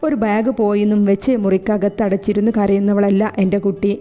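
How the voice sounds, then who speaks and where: A woman's voice: mid-range voice, flat delivery, brisk, dark tone, natural voice. A woman voicing a watchful middle-aged mother who questions in a probing, suspicious way. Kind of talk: audiobook character voice. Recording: echoey room with faint music.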